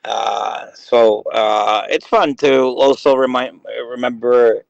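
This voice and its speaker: A man in his late thirties, guesting on a gaming call, chats casually while rambling and hesitating over many fillers. He speaks slowly in a steady mid-range voice with vocal fry. The audio is dull, with no room sound.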